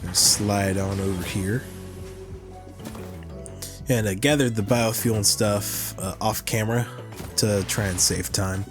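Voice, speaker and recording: A gaming channel host with a fairly low, cold-stuffed, nasal voice gives casual gameplay commentary at a slow, unhurried pace. He rambles and thinks out loud with many fillers, while music plays clearly behind him.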